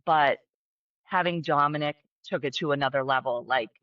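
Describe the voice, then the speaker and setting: Here a woman with a low-pitched voice talks at a moderate pace, free of room sound, in a muffled and dull recording. As a podcast guest and special education teacher, she keeps the casual interview chatty, with many fillers, restarts and bursts of excitement.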